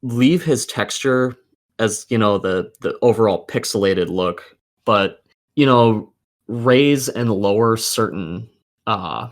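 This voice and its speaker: Taking his time, a lowish-voiced man co-hosts a laid-back video game podcast, profane and opinionated throughout.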